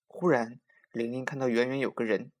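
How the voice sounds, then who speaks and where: A man tells a children's bedtime-style story, his voice gentle and expressive. He sits at a mid pitch and drops into soft asides as he narrates. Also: normal speed.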